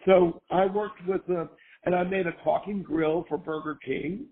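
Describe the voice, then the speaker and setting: An older man, hoarse from a cold, chatting casually as an interview guest and rambling with lots of fillers. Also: high voice, steady tone, moderate pace, slight background noise. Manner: rambling, full of fillers and restarts. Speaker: guest, former costume maker. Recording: tinny phone-line sound.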